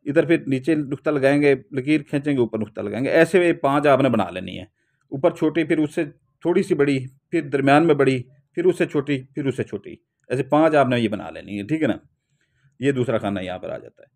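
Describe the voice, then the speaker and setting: A man's voice: mid-range voice, expressive, brisk, creaky, darkish tone. A man with a Pakistani Urdu accent teaches how to draw a talisman step by step, often adding a short tag phrase as he goes. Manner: keeps saying a tag phrase, plain step-by-step instruction. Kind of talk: spoken tutorial while drawing.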